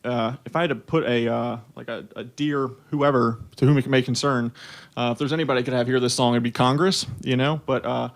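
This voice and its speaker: A young man talks as a guest musician in a relaxed, hesitant way, pausing on fillers. His mid-pitched voice has a gravelly edge. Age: young adult. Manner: laid-back, hesitant, many fillers. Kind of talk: casual radio interview.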